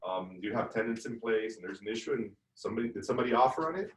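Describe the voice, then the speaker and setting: A man leading a real estate team meeting, giving an energetic motivational talk and repeating himself as he coaches. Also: on the low side, racing. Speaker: brokerage leader running team meeting. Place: room on a video call. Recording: roomy audio from far off.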